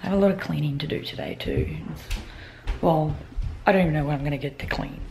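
A woman's voice: deep voice, fast talker, gravelly, a little mellow, slight background noise. A young woman vlogging at home as a mother, chatting casually and cooing to her toddler in sing-song tones. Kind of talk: casual vlog chat. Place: home kitchen and bedroom. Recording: roomy home audio with music behind.

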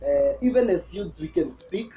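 A man's voice: high-pitched, lively intonation, normal speed, warm tone. A young Kenyan man with a Kenyan accent, a youth preacher chatting casually as an interview guest. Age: young adult. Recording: muffled audio with background noise.

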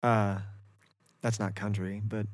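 A man's voice: lowish voice, flat delivery, slow, dry recording, studio quality. A man guesting on a casual podcast, talking in a laid-back, agreeable way with lots of yeahs and restarts. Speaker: guest musician.

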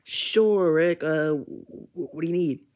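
A fan voicing a nervous, put-upon male teddy bear sidekick in a plush toy comedy skit, pleading and quick to panic. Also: medium pitch, darkish tone, natural voice.

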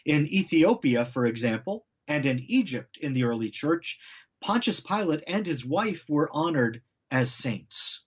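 A slightly high, slightly slow male voice comes through lo-fi audio: a middle-aged author guesting on a faith podcast. He explains early church history in a casual, instructive way, often straying into asides. Animated and explanatory, he repeats himself and leans on "you know."

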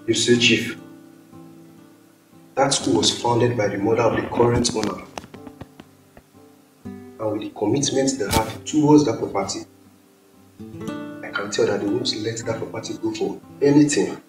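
An actor with a Nigerian English accent playing a lawyer who speaks to his client in a measured, deferential way. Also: fairly low pitch, echoey room, music in the background, lightly acted, low-quality recording. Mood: cautious. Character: cautious lawyer advising a powerful chief.

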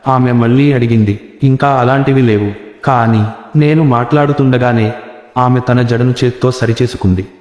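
A man's voice: medium pitch, darkish tone. A man telling a first-person horror story as scripted narration, tense and suspenseful. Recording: echoey reverberant room.

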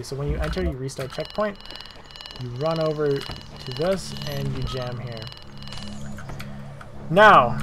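A man casually narrating a speedrun tutorial over gameplay, relaxed and self-deprecating, with many fillers and repeated words. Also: on the high side. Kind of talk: casual gameplay walkthrough commentary.

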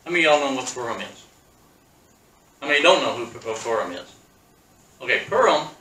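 Man, pastor teaching bible, halting and casual, bright voice, echoey hall, distant mic. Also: medium pitch, expressive. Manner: halting, many fillers and restarts, asks the congregation questions. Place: church hall. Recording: echoey room, speaker far from mic.

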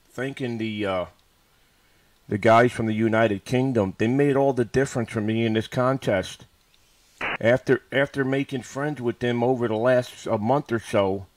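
A medium-pitched man from the USA chats over amateur radio in casual contacts, using callsigns and radio phrases and repeating himself often. He's an operator and livestream host working indoors at a computer, and his PC-connected studio microphone picks up no room sound.

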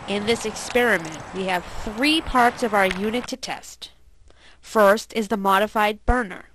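A woman narrating her home-built gasifier experiments as a scripted voice-over, steady and explanatory. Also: mid-range voice, unhurried, background noise. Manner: steady, explanatory, with small slips. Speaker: channel host narrating.

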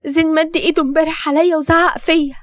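A woman with an Egyptian accent voicing a hurt, tearful young woman in an animated story. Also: high voice, quick pace, natural voice. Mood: upset.

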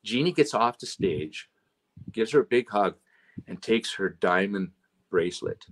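A man from Canada with a lowish voice tells stories from the road as a guest. He keeps it animated, acting out the people he quotes and checking in with "right?" as he goes. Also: a little slow. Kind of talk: casual storytelling chat.

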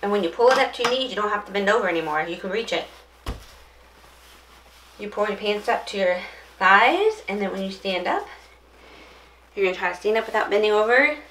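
A woman's voice: mid-range voice, animated, fairly quick, pauses often, a bit bright. A woman giving a casual how-to demonstration of dressing aids, chatting and thinking aloud as she goes. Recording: roomy echo, distant mic, faint noise.

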